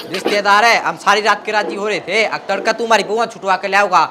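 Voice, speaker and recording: Fed-up village relative male actor: Haryanvi, high bright voice, reproachful, rural comedy, birds and faint outdoor noise. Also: a little fast. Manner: complaining, reproachful. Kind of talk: rural comedy skit acting.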